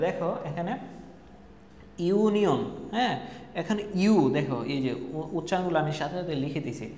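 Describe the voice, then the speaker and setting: A man's voice: high-pitched, a little mellow. A man gives an online exam-prep English lecture, repeating each point and asking and answering his own questions. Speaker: English teacher. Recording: echoey room with long reverb, faint noise.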